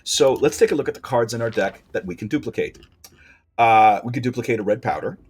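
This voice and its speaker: Husky-voiced man explaining game strategy. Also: medium pitch, expressive, fairly quick. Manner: explains strategy with fillers and self-corrections. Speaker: gameplay commentator. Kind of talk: let's play commentary.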